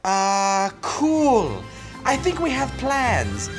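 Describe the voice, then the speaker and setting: A woman voicing an excitable, boyish alien puppet in a children's show, dramatic and exclamatory with nervous stammers. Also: mid-range voice, very slow, exaggerated voice. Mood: excited. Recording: music behind the voice.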